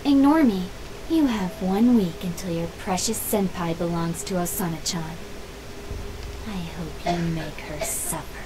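A woman's voice: on the low side, unhurried, natural voice. Actress doing a detached scheming schoolgirl informant in a game, curt and businesslike, noisy audio. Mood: curt, spiteful.

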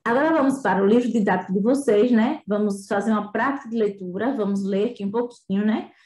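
A woman's voice: medium pitch, fast, a little mellow. A woman teacher giving a remote reading lesson in a chatty way, full of tag questions. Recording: echoey room.

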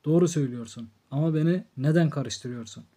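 Guy reading a scared young woman begging her brother, audiobook, mellow low voice. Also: fast talker, natural voice. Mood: pleading.

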